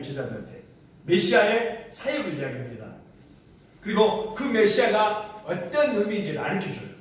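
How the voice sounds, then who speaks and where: A pastor with a high voice preaches, questioning his congregation and acting out quoted lines. He's far from the mic in a large, very echoey church hall, with a little hiss or hum.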